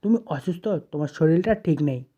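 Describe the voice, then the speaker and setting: A man's voice: on the high side, lively intonation, a little fast, dark tone, lo-fi sound. A narrator reading the lines of a scheming young male doctor in their own plain voice. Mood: curt.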